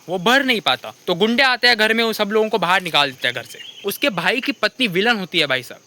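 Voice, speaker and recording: A young man with an Indian accent doing an animated comic rant, constantly repeating the same address to the listener. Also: sits high, no echo. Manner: animated, keeps repeating "bhai sahab". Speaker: comedy creator.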